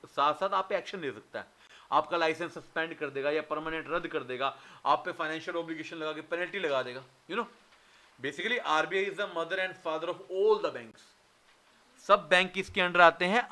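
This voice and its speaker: A man's voice: fairly high pitch, pushed and bright. A man in his thirties teaching an exam revision lecture, firing questions at his students and answering them himself, with Indian-accented English words.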